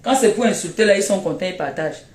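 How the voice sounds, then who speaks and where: A woman's voice: mid-range voice, lively intonation, quick pace, a little mellow, reverberant. Scolding Cameroonian woman ranting on a live stream. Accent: Cameroonian French. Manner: scolding, mocking, repetitive jabs. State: unwell, tired. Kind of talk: mocking live-stream rant. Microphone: phone on a live stream.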